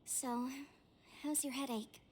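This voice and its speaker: High-voiced, caring young sister. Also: female voice, fairly even intonation, slow, a little mellow, a little hiss or hum. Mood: protective. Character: caring, outspoken young sister, casual and protective. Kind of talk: scripted game voice acting.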